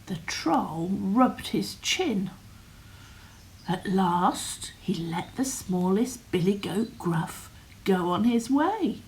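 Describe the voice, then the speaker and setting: An older woman reading a bedtime story aloud, slowly and softly, often half-whispering. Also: medium pitch, lively intonation, low-quality recording.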